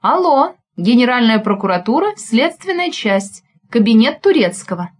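A woman doing a brisk, high-pitched office clerk. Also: big pitch swings. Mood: brisk alarmed. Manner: quick, alert, businesslike.

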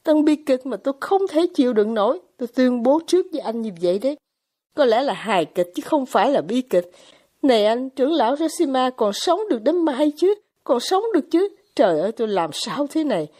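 A woman's voice: high voice, sing-song, brisk, dark tone. A woman playing a hysterical, gushing society mother. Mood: melodramatic fretful. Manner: gushing, melodramatic exclamations. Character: fretful, hysterical aristocratic mother, middle-aged. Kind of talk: audiobook character voice.

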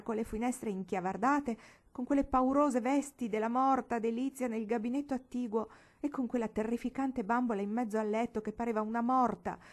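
A woman narrates a classic novel as an audiobook, her voice a touch higher than most. She leans into the drama of each sentence, slowing and dropping for suspense. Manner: expressive, dramatic storytelling. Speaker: audiobook reader.

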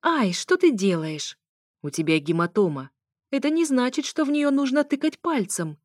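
A woman voicing a sharp-tongued young woman who snaps indignantly at her ex-husband. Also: on the high side, lively intonation, moderate pace, no room sound, studio quality, voice pushed up. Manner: indignant, snapping.

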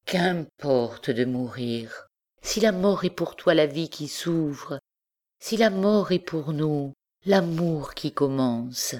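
A woman reading the lines of a devoted young wife who speaks softly and coaxingly to her husband, at a slow pace. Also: low-pitched, animated. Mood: tender. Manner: tender, soft and coaxing.

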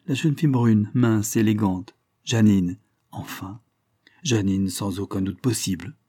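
A man reading a detective story aloud with measured, dramatic narration. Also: lowish voice, dark tone, husky, no echo, clean studio sound.

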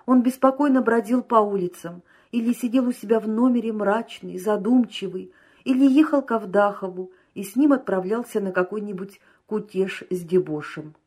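A woman narrating an audiobook at a measured, even pace. Her voice sits at a middle pitch. She reads steadily between the characters' lines.

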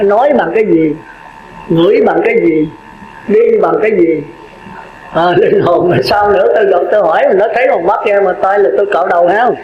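An older Buddhist monk giving a folksy dharma talk, chatty and quizzing his listeners with laughing asides. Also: high voice. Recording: echoey, dull, noisy hall recording.

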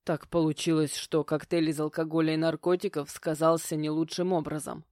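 A woman's voice: sits low, level tone, fairly quick, a little mellow, dry recording, studio quality, natural voice. A woman reading an audiobook voices a stern, grumbling middle-aged stepfather who speaks curtly. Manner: grumbling, curt, commanding. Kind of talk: audiobook character voicing.

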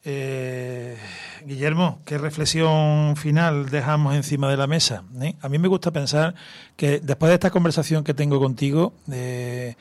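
A man's voice: on the high side, steady tone, moderate pace, a little mellow, no echo. A man with an Andalusian Spanish accent hosting a radio interview, musing in long, meandering sentences full of tag questions. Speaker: radio host.

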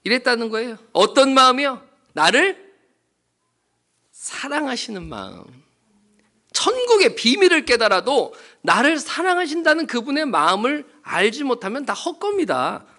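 Casting: male pastor, church sermon, high and bright, animated storytelling with questions to the congregation. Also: moderate pace. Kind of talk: sermon at a Wednesday prayer meeting.

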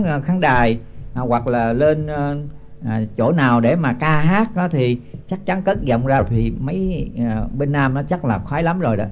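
Older monk giving a dull-sounding dharma talk. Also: male voice, medium pitch, slight background noise. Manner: repeats words, many fillers, slow chanted verse lines. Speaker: Buddhist monk teacher. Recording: dull lo-fi tape recording.

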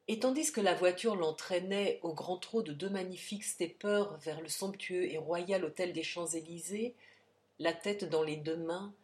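Slow, measured woman reading a novel. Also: fairly low pitch, a little mellow. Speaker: audiobook reader. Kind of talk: reading a serial novel aloud.

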